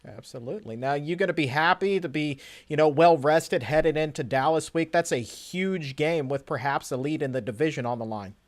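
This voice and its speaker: A man's voice: fairly high pitch, moderate pace, few pauses. An American man hosting a sports interview, with a polished presenter delivery and playful, mock-formal phrasing. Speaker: sports show host, interviewer.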